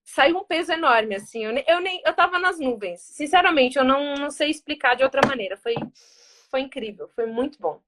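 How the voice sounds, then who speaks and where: A woman's voice: high-pitched, a little fast. A woman diplomat from Brazil, telling a story in an interview and acting out the quoted dialogue. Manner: animated, acts out quoted dialogue.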